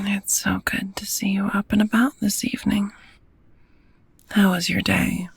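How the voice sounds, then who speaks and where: Voiced by a woman in full character, a gentle, courteous vampire roommate murmurs in a very breathy, creaky half-whisper of medium pitch for an intimate ASMR roleplay. She's drowsy and affectionate, unhurried, tender, and softly formal. The sound is close and dry, with no room sound.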